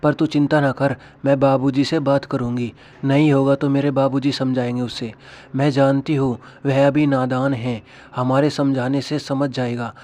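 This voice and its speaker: A man's voice: mid-range voice, level tone, normal speed, darkish tone, natural voice. A man narrating a story voices an anxious, caring elderly mother-in-law in a motherly, pleading manner. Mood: reassuring.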